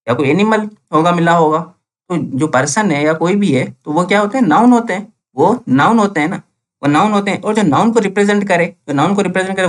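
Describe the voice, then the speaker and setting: A young man teaching English grammar in Hindi with Urdu words, repeating each point and asking questions that he answers himself. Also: high-pitched. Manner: repetitive, asks questions and answers them himself. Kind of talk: classroom-style lesson.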